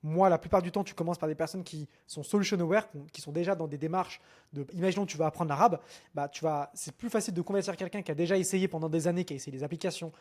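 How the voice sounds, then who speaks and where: A man's voice: on the high side, a little mellow. A man coaching on marketing funnels in a casual, filler-heavy way, often checking in with "ok?". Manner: fast, informal, many fillers and restarts, addresses viewer with "ok?". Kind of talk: screen-share marketing lesson.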